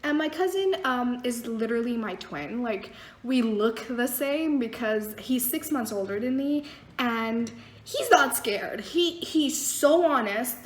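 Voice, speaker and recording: A young woman casually telling a story as a vlogger, animated and blunt, swearing freely. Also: a little high, unhurried. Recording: echoey room.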